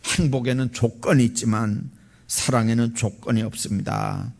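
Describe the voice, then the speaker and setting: Gravelly, animated male preacher. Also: normal speed. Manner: impassioned preaching with big swells in pitch and volume. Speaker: pastor. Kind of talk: sermon. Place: church sanctuary.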